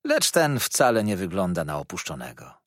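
A man's voice: wildly swooping pitch, no echo, studio quality, exaggerated voice. A man doing a kindly old fisherman. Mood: fond. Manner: warm, slow, low murmur.

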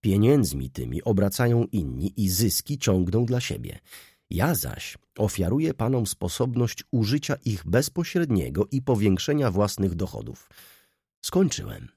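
A man voicing a self-assured merchant who explains his plans in a measured, businesslike way. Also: on the low side, sing-song, mellow, husky, no room sound, studio quality, full character voice.

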